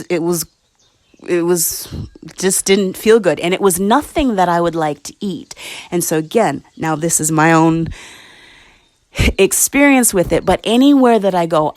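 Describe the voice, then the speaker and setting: A woman with a lowish voice tells a spiritual story in a casual, meandering way, circling back with fillers and restarts. The sound is dry and close, with no room sound. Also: no room sound. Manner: rambling, reflective, many fillers and restarts. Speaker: spiritual talk show host.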